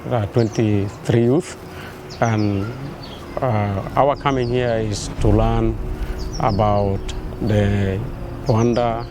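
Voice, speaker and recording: A man from South Sudan, a youth delegate, speaking in a measured, hesitant way in an interview. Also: fairly low pitch, steady tone, background noise. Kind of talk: interview testimony. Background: music.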